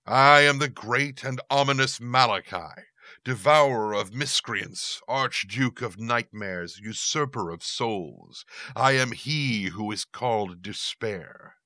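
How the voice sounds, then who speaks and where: A theatrical male demon booms his titles, then turns awkward and sheepish, as a man puts him on. His voice is bright and clear in a dry, close space. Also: slow pace, dry recording. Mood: grandiose. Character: pompous, flustered male demon archduke.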